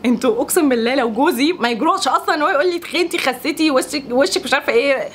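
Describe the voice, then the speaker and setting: A young woman with an Egyptian accent talking in a casual vlog, animated and exasperated, laughing often. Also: sits high, racing, a little hiss or hum. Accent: Egyptian Arabic. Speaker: vlogger.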